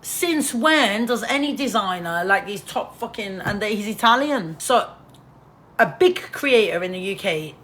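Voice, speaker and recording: A woman's voice: mid-range voice, expressive, unhurried, fairly bright tone. A woman chatting casually on a livestream at home in a flamboyant, profane way, often calling people darling. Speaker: artist and vlogger.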